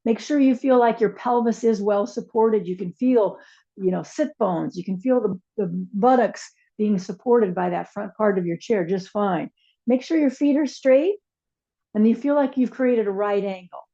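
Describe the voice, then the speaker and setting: A woman teaching a chair yoga and meditation class, giving gentle, unhurried cues with soft asides. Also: mid-range voice, highs cut off. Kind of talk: guided yoga class instruction.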